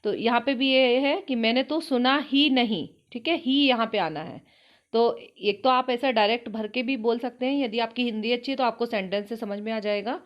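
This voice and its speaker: A woman's voice: on the high side, moderate pace, dull audio. A woman teaching an online exam-prep lesson, working through questions and explaining them step by step with frequent check-ins. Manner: explanatory, repeats "ठीक है" often.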